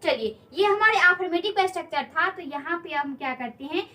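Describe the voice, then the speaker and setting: A woman's voice: very high voice, animated, brisk, sharp tone. A woman teaching a spoken English lesson at a board, patiently repeating key points and asking learners questions.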